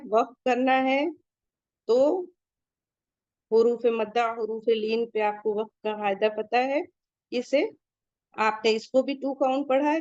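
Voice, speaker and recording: Woman, tajweed teacher, patient step-by-step explanations, slow careful recitation, dry close mic. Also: a little high, darkish tone, no room sound, lo-fi sound. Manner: explains rules step by step, then recites each word slowly; asks students questions and checks their answers.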